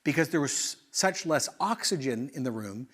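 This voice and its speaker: A middle-aged male pastor from Canada, preaching in an animated, conversational way with rhetorical questions and quick asides. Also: mid-range voice. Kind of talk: sermon.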